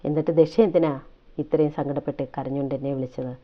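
A woman's voice: low-pitched, steady tone, fast, dull audio, natural voice. A woman voicing an anxious, loving young sister who earnestly presses her brother for the truth. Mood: coaxing. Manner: earnest, coaxing questions.

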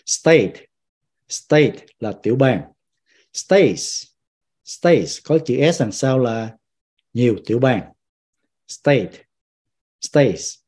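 A man's voice: medium pitch, dark tone, breathy edge. A man teaching a citizenship vocabulary lesson who repeats each English word and then explains it. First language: Vietnamese. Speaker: pastor teaching citizenship class.

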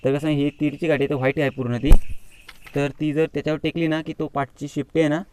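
A man with a Konkani Marathi accent, chatting excitedly as he films a demonstration on his phone and swears mildly at it now and then. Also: fairly high pitch, quick pace, background noise. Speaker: vlogger. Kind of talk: casual outdoor demonstration vlog. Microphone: phone camera.

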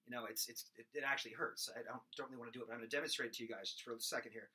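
Racing along with fairly even intonation and a sharp tone, a man in his thirties gives a casual home singing lesson to his webcam, gesturing with his hands. He has a small, nasal, somewhat whiny voice and demonstrates belted high screams. Slight background noise is present.

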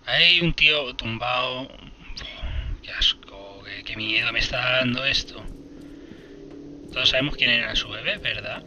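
A man's voice: medium pitch, measured pace, pauses often, sharp tone, a little hiss or hum. A man giving casual, swearing, joking let's-play commentary. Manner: swearing, joking, reacting aloud. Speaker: gameplay commentator.

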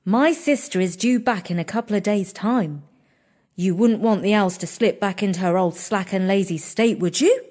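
A narrator voicing a bossy, bad-tempered elder sister who scolds and domineers in a shrill, high voice. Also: moderate pace, a little mellow, lightly acted. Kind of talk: storybook character voice.

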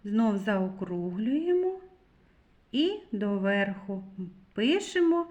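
A woman teaching preschoolers letters and sounds in a deliberate, sing-song, patient way. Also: mid-range voice, sing-song, a little mellow. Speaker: kindergarten teacher. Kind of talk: slow, clearly articulated preschool literacy lesson.

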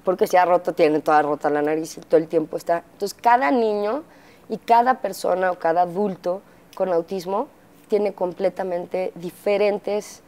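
A middle-aged woman with a Mexican accent telling her story as an interview guest, pausing often with fillers and acting out quotes. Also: fairly low pitch, steady tone, warm tone. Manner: halting, frequent fillers, acts out quotes. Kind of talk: candid interview testimony.

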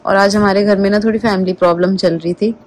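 A woman's voice: mid-range voice, fairly even intonation, fast, darkish tone. A woman vlogging at home, gushing over her dog in baby talk and then chatting to viewers. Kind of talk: casual home vlog chat.

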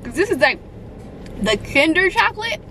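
A woman's voice: extremely high pitch, sing-song, pushed and bright, a little hiss or hum. A woman co-hosting a food vlog, chatting casually and enthusiastically while tasting a dessert. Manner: enthusiastic, drawn-out delivery. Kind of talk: casual food review chat.

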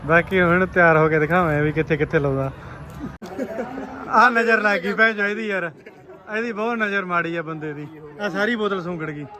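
A man's voice: high-pitched, steady tone, a little fast, bright, forceful tone, a faint crowd. A man with a Malwa Punjabi accent making casual vlog banter. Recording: noisy car and outdoor recording.

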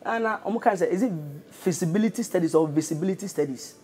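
A Ghanaian man in his thirties with a Ghanaian accent, a radio presenter chatting as an interview guest in a jokey, animated way. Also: high voice, fast, slightly rough. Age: 30s. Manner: jokey, animated, laughing often. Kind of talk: casual interview chat.

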